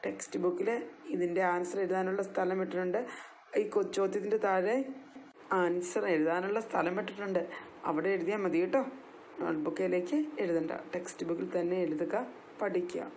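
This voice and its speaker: A woman teacher, giving a recorded lesson to young children. She reads Hindi lines slowly for the pupils to repeat, then explains them in Malayalam. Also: fairly low pitch, steady tone, darkish tone, slight background noise, low-quality recording.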